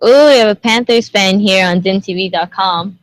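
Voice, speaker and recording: A young woman who grew up in Indonesia hosts a casual livestream, greeting viewers, chatting with them and asking lots of questions. Her voice is medium-pitched at a normal speed, recorded with no room sound.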